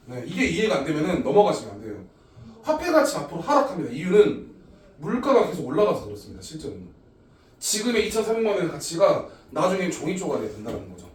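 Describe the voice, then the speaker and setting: A man in his thirties lectures on a topic step by step in a lively voice that rises and falls a lot and sits a little high. He sounds set back from the mic, and the room rings noticeably around him. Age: 30s. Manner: lively, explains step by step with frequent "자". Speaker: insurance agent. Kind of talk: explanatory lecture. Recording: echoey room, voice a bit far from the mic.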